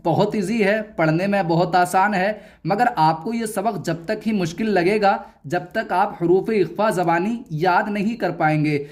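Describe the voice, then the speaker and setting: Slow, patient male reading teacher. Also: sits high. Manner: patient, repeats each syllable slowly. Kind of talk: recorded lesson, spelling out syllables.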